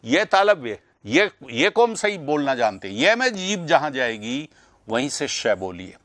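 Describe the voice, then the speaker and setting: A man's voice: on the high side, very animated, measured pace, fairly bright tone, no echo. Man teaching a live online class. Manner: drills pronunciation aloud, calls out students' names. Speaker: online Hindi exam teacher.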